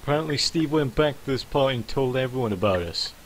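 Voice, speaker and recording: A man's voice: mid-range voice, expressive, quick pace, loud music behind the voice, natural voice, low-quality recording. A man reading out a game character's chat messages, a young woman upset about a bad night, in a mostly plain voice. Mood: recounting.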